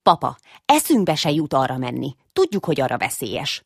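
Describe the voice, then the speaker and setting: A woman's voice: low voice, sing-song, vocal fry, slightly rough, no room sound, studio quality, full character voice. A woman voicing a sporty, know-it-all older brother mouse who teases and grumbles. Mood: teasing. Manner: teasing, grumbling.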